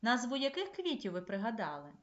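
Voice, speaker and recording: A woman's voice: fairly high pitch, very animated, fairly bright tone. Woman teacher giving a remote lesson. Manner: clear, measured classroom instruction. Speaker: primary school teacher. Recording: echoey, slightly dull room recording.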